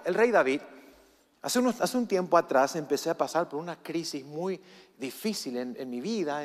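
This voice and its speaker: Impassioned male preacher in a reverberant hall. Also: high-pitched. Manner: impassioned, exhorting the congregation. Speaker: guest preacher. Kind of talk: sermon with sung worship. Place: church auditorium. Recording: reverberant hall with music behind.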